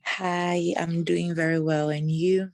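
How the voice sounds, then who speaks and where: A woman from Ghana who works in anti-trafficking outreach, answering interview questions in a measured, hesitant way with many fillers, on a video call. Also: fairly low pitch, level tone, vocal fry, a little mellow, no room sound.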